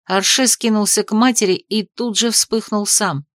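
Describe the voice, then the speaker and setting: A woman's voice: medium pitch, fairly even intonation, normal speed, no room sound. Female narrator, dramatic storytelling, dry studio sound. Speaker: audiobook narrator. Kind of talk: scripted narration.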